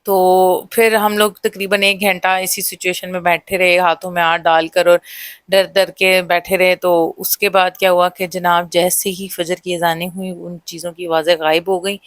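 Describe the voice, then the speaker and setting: A woman's voice: lowish voice, dry recording. Dramatic young woman telling a ghost story. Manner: dramatic, speaks directly to viewers. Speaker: storyteller vlogger. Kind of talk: first-person horror storytelling.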